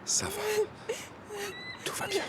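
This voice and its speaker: An actor voicing a protective young man in a French drama dub, speaking softly and reassuringly. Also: a little high, very animated, moderate pace, very noisy. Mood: soothing. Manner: soothing, reassuring, soft. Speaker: dubbed actor in a TV series. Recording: loud dramatic score behind dialogue. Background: music.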